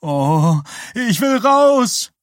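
A man voicing an excitable young woman with a higher, indignant voice. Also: moderate pace, no room sound, clean studio sound, close to an everyday voice. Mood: shrieking.

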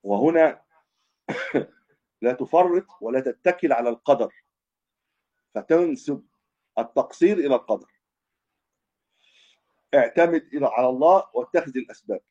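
A man's voice: medium pitch, expressive, normal speed, pauses often, warm tone, husky. A man teaching a religious lesson as a scholar, explaining hadith and often restating and correcting himself. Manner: explanatory, repeats and restates points, self-corrects. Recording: dull lo-fi recording.

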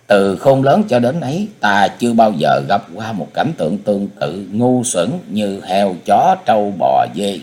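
Fields: expressive male audiobook narrator. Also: on the low side. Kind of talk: scripted martial-arts novel narration.

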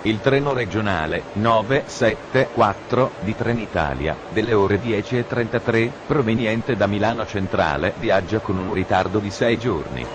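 A man making deadpan, formal mock train announcements, as if heard over a train station PA system. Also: lowish voice, unhurried, few pauses, background noise.

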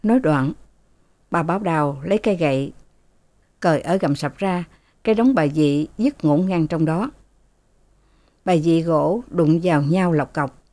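A woman narrating a novel as an audiobook, in a measured storytelling manner. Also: sits low, dark tone, no room sound.

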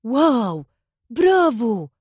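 A woman's voice: fairly low pitch, sing-song, a little fast, a little mellow, breathy edge, dry recording, studio quality. A woman voicing a flamboyant, boastful young gangster man with an Egyptian accent, reading a storybook. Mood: excited. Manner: boastful, showy, eager.

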